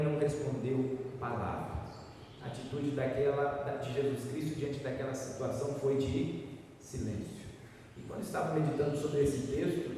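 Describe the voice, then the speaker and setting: A preacher delivers an earnest sermon in a slightly high voice. He rises emphatically on key phrases and sometimes halts and restarts. He sounds far from the mic, in a long, echoing hall. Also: warm tone, a little hiss or hum.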